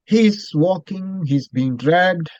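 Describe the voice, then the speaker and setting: A man, a Buddhist monk teacher, telling a story in a dharma talk, speaking slowly and deliberately and repeating phrases. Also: high voice, expressive, no echo, highs cut off.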